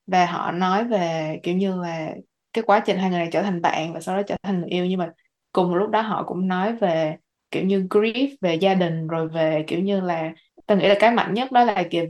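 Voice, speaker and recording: A woman's voice: on the low side, brisk, a little mellow. A woman co-hosting a casual book podcast, talking in a chatty way with many fillers and English words mixed in. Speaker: podcast co-host. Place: lives in the US.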